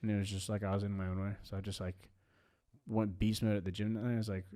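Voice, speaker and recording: A man's voice: fairly low pitch, level tone, fast talker, dark tone. A man in his late twenties in a casual podcast chat. He rambles, full of "like" and restarts. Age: 20s.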